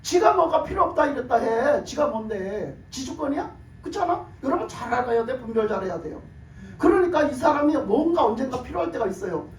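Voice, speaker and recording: A man delivers a sermon in a raspy, worn voice that sits extremely high. He presses his points with rhetorical questions and chuckles along the way. He is picked up from a distance in an echoey room with faint ambience behind him. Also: big pitch swings, a little fast. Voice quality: hoarse, broken voice from years of shouted prayer. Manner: emphatic, rhetorical questions, laughs while preaching. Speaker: pastor.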